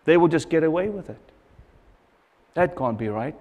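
A man's voice: a little high, animated, normal speed, long reverb tail, dull audio. A middle-aged man preaching a sermon at a church pulpit, earnest and repeating phrases for emphasis, on a lapel mic. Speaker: pastor.

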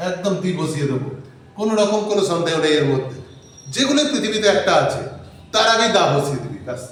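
A man teaching English grammar to a class, asking questions and answering them himself and slowing down to read example sentences. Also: high-pitched, a bit bright, slight background noise. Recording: very echoey room, voice from a distance.

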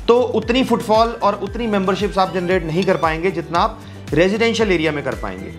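Gesturing man giving gym business advice. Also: high voice. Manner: explains with constant hand gestures, mixing English into Hindi. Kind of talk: direct-to-camera advice video. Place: office with trophy shelves, indoors.

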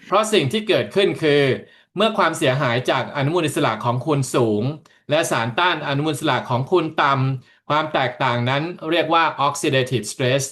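A man interpreting a talk into another language in steady, continuous stretches after each passage. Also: fairly high pitch, moderate pace, few pauses. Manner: steady, continuous rendering of the speaker's points. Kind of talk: consecutive interpreting.

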